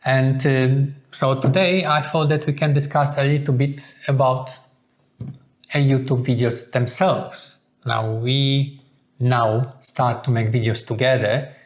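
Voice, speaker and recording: Speaking at a mid-level pitch, a man who co-hosts a couple's video channel chats easily with his viewers. He shares his thinking earnestly and in a measured tone.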